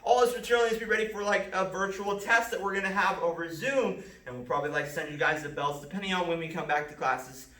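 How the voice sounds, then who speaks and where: A man, a martial arts instructor, calling out self-defense moves step by step in an empty martial arts school, with sharp shouts on the strikes. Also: sits high, quick pace, hardly any pauses, roomy sound, recorded from a distance. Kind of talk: filmed self-defense lesson.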